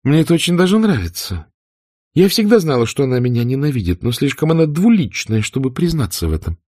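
A man voicing a sharp-tongued, haughty young Southern lady, sarcastic and furious. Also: fairly low pitch, brisk, no echo, clean studio sound, voice pushed up. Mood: scornful.

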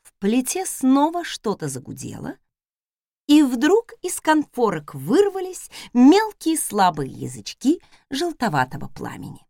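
Lively woman reading a fantasy audiobook. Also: sits high, unhurried, no room sound, studio quality. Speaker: audiobook reader. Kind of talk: expressive first-person audiobook narration.

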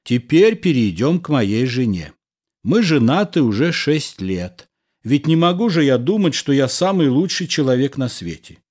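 A man's voice: mid-range voice, big pitch swings, normal speed, darkish tone. A male reader voicing a composed, wry husband who talks through an awkward scene like a patient lecture. There is irony in every turn. It is a spoken storybook reading. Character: calm, wry, reasoning middle-aged husband engineer. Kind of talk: audiobook character reading.

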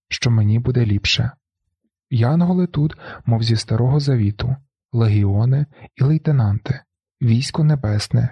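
A man reading a novel aloud in the first person, with a flat, brooding delivery. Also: mid-range voice, breathy edge, dry recording. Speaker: audiobook narrator.

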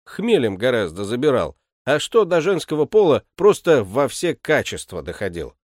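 A male audiobook narrator reading literary prose with a lively, varied pitch and a mid-range voice. The sound is dry and close, with no room around it. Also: moderate pace, no echo.

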